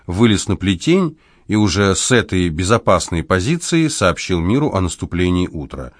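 A man narrating an audiobook in a measured, expressive storytelling voice. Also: deep voice, dry recording, clean studio sound. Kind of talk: scripted narration.

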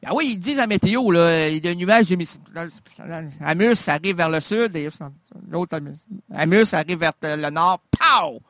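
A Québécois radio host with a notably high voice spins a playful, absurd monologue, stumbling over words and restarting as he goes. The studio sound is dry and close, with no room around him. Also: moderate pace, a bit bright, dry recording. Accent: Québécois French. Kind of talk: rambling comic radio monologue.

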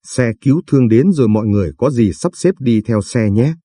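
A man's voice: medium pitch, lively intonation, fairly quick, warm tone, no echo, natural voice. A man voicing a police officer in an audio story, reporting news plainly. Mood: serious.

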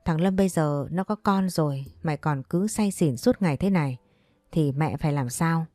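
A woman's voice: sits low, moderate pace, mellow, no room sound, clean studio sound, lightly acted. A woman voicing a stern, scheming middle-aged mother who scolds her son bluntly. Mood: scolding.

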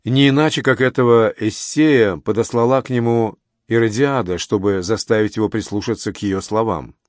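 A man narrating an audiobook in a steady, measured storytelling manner. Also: on the low side, no room sound, clean studio sound.

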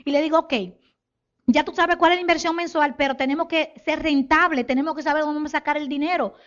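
A woman from the Republic, giving an animated business talk to an audience and acting out sales conversations. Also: sits high, fast, highs cut off. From Dominican Republic. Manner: animated, acts out sales dialogues, addresses audience as señores. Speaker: network marketing business speaker.

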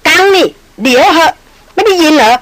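Woman doing a shrill furious young lady. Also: expressive, normal speed, fairly bright tone, poor audio. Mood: shrill fury. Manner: shrill and scornful. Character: haughty angry young woman, employer's sister.

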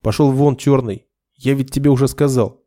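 Man reading as an arrogant young noble officer, hissy and haughty, warm dry tone. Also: mid-range voice, fairly even intonation, normal speed, no echo, natural voice. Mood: furious. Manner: hissing, haughty. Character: arrogant young noble lieutenant, hot-headed.

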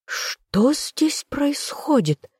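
A high, slow, drawn-out old woman's voice scolding like a village granny in a storybook, as the audiobook reader puts her on. Her voice is set in a dark, mellow tone and recorded close and dry. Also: very animated, no room sound, heavily acted.

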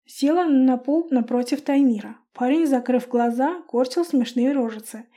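High, mellow woman narrating an audiobook. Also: normal speed. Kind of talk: first-person fantasy audiobook narration.

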